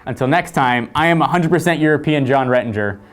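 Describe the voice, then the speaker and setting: A man's voice: medium pitch, lively intonation, fast. A man hosting a casual tech vlog, chatting upbeat and direct to his viewers. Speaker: channel host. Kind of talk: casual vlog talk to camera.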